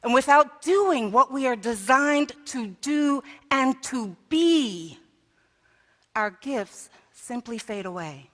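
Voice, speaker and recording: A woman minister with a high, animated, slightly bright voice preaches slowly in a church, weaving a story with rhetorical questions and building to emphatic peaks. Long hall reverb fills the recording.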